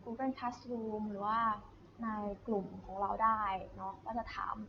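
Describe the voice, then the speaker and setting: A woman teaching a recorded remote high school language lesson, explaining patiently and repeating and drilling words aloud. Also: fairly even intonation, measured pace, muffled recording, slight background noise.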